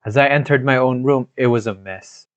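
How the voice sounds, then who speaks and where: At a moderate pace and medium pitch, a man reads a scripted story recap of a video game, giving it a storyteller's delivery. The dry, dull lo-fi audio comes from a home microphone that is scuffed at points.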